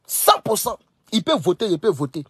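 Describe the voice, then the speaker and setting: A man's voice: sits high, very animated, moderate pace, slightly rough, dry recording, clean studio sound. A young man from Burkina Faso, talking straight to camera, emphatic, repeating phrases and scolding his listeners. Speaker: political commentator. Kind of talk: casual direct-to-camera monologue.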